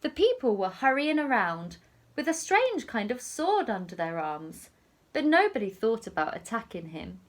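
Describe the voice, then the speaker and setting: A female teacher with a fairly high voice reads a picture story aloud to young children. Her storytelling is expressive and deliberate.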